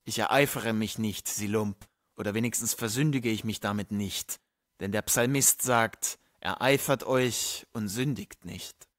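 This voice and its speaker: A man's voice: lowish voice, fairly even intonation, unhurried, a bit bright, no room sound. Man reading older friar, pompous, indignant, preachy; dry close audiobook sound. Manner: indignant, preachy, quoting scripture. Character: irate, pompous male friar, older theologian.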